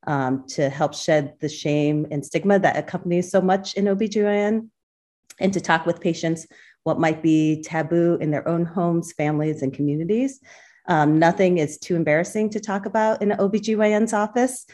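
Her voice lowish and dark in tone, a Boston obstetrician-gynecologist speaks at normal speed while answering podcast interview questions. She's thoughtful, with frequent fillers.

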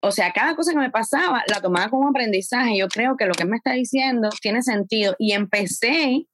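A woman guest on a podcast, telling her story in a lively, conversational way. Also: a little high, fairly quick, slight background noise. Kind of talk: casual conversation.

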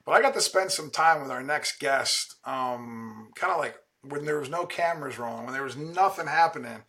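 A man's voice: medium pitch, normal speed, pushed and bright. A man in his thirties from Ohio hosting a podcast, talking eagerly and casually with lots of fillers. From Ohio, USA. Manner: enthusiastic, chatty, many fillers. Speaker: podcast host. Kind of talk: casual interview chat.

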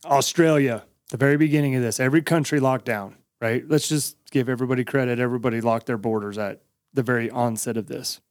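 A man's voice: mid-range voice, steady tone, fast, no echo, clean studio sound. An American man co-hosting a podcast, giving his opinions in a casual, emphatic way and repeating his points. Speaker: podcast host.

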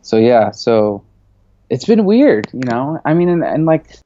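His mid-range voice swings widely in pitch, unhurried and warm, though the highs are cut off. The speaker is a Saudi-born man in his thirties who grew up in the US, a media creative chatting as an interview guest in a casual, filler-heavy way, with many "like"s and "you know"s.

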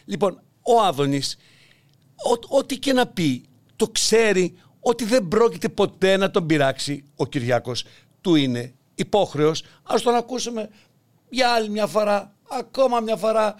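A man's voice: high voice, animated. An older man hosting a satirical political monologue, mocking and theatrical, acting out voices as he goes. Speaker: podcast host.

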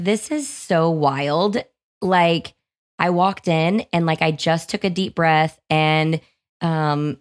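A young woman hosting her own podcast in a hoarse voice, chatting casually and upbeat, often saying "like". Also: lowish voice. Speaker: podcast host.

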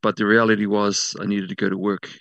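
A man from South Auckland with a New Zealand accent, telling personal stories casually as an interview guest, often halting and correcting himself. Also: on the low side, flat delivery, a bit bright, no echo, dull audio. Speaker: interview guest working in media.

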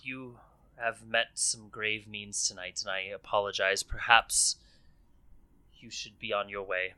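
A man voicing a poised, formal noblewoman in a tabletop game, speaking quietly and in a measured way. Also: on the low side, steady tone, clear, resonant tone, pitched below the performer's own voice. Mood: grave.

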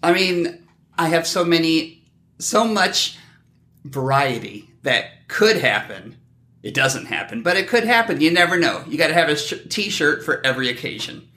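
A middle-aged man hosting a podcast with animated, joking, mock-defensive banter in a casual style. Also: fairly high pitch, moderate pace, roomy sound. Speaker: podcast host.

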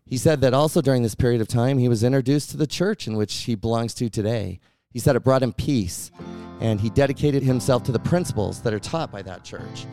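A man's voice: mid-range voice, brisk, warm tone, faint music behind. A male podcast host narrating a guest's story and reflecting on it. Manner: reflective, explanatory.

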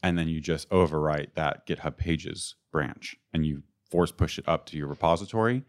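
A man with a low, unhurried voice, getting over being sick, chatting casually about technical work as a co-host. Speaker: podcast co-host. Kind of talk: casual tech chat.

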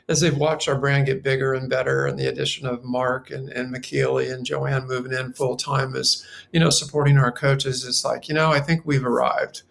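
Gravelly man reflecting enthusiastically. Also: medium pitch. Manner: reflective, enthusiastic, clears throat often. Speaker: triathlon coach and guest. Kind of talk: casual podcast conversation.

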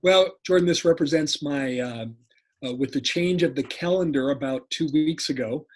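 A man in his sixties speaking conversationally as an interview guest and coach, deliberate and repeating key points. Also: on the high side. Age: 60s. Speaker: podcast guest, dental practice coach.

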